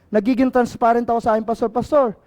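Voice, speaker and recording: With an extremely high pitch and a normal pace, a male pastor from the Philippines delivers an impassioned sermon in his Filipino accent. He repeatedly asks the congregation to say amen.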